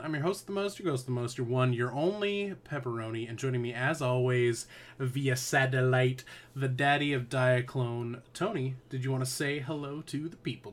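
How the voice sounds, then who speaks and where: A man hosting a laid-back podcast, speaking at an ordinary middle pitch. He talks in a loose, jokey way and laughs easily between remarks. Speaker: podcast host. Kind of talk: casual podcast chat.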